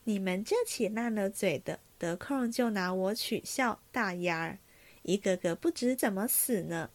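A woman voicing a calm, sensible senior maid who speaks softly and with measured care. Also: mid-range voice, natural voice. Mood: teasing scold.

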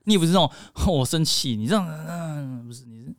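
A man's voice: on the high side, lively intonation, fairly quick, creaky, no echo, studio quality. A young man co-hosting a casual chat, joking and rambling with frequent laughs. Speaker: podcast co-host.

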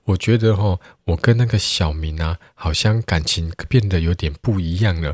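A hesitant, sulky young woman, as a man puts her on, in a story told on a podcast. The voice stays low and husky. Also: normal speed, darkish tone, dry recording, studio quality. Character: upset young woman friend.

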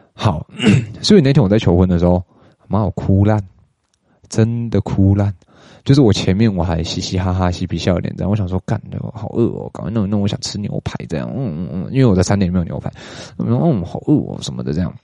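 A young man with a Taiwanese Mandarin accent hosting a podcast, chatting casually and getting animated as he retells a story, with slangy asides. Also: low voice, no room sound, studio quality. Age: young adult. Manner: chatty, animated when retelling, mixes in English words and Taiwanese swearing. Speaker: podcast host.

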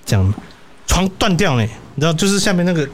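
A man's voice: high-pitched, big pitch swings, quick pace, noisy background. A young man hosting a podcast, telling college stories in a rambling, restarting way. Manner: rambling, many restarts and tag questions, laughs often. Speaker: podcast host. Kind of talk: casual storytelling chat.

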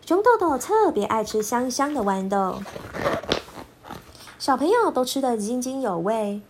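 A woman storyteller narrating a children's storybook in an expressive, lilting voice. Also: a little high. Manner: expressive, lilting, slow and clear.

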